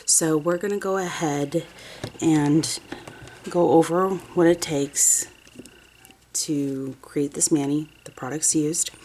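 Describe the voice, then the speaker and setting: A woman in her thirties with a deep voice and a sniffly head cold walks through a nail art tutorial at her home desk nail station, with a little hiss or hum audible. She's chatty, rambling, and self-correcting, filmed by an overhead camera showing only her hands.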